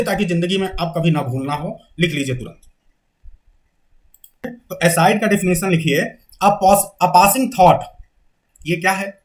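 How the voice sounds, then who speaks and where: A male literature teacher giving a classroom lecture, often checking that students follow and slowly dictating definitions for them to write down. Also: high-pitched.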